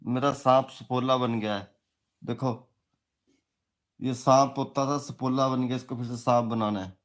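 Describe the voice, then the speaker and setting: A man's voice: medium pitch, fairly even intonation, measured pace. A man who presents himself as a tantric guru, ranting casually in a crude, mocking, rambling way. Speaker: self-styled tantric guru. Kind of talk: casual live rant.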